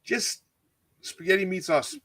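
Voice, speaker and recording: A man's voice: high voice, a little slow, fairly bright tone, breathy edge, no echo. A man, a culinary teacher, chatting casually in an interview, rambling and correcting himself as he explains recipes. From California. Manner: rambling, self-correcting, enthusiastic about food. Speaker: cooking channel guest, culinary teacher.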